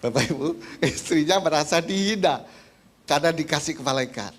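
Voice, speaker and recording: Chatty male preacher, fairly high voice. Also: expressive, a little fast, slight background noise. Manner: conversational, addresses the congregation directly, frequent fillers. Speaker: pastor. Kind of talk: sermon.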